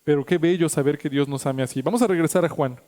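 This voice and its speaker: A man, a pastor preaching a sermon, whose pitch and volume climb at the high points. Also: fast talker, darkish tone. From Mexico. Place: church sanctuary. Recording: echoey church hall.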